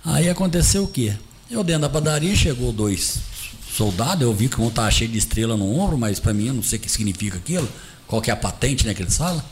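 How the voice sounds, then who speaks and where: A middle-aged man tells a story in an animated, emphatic manner, often jumping up in pitch. His voice sits at an ordinary pitch for a man. There is faint ambient noise in the room. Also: quick pace. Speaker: interview guest who plays Santa Claus for charity. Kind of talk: casual anecdotal storytelling.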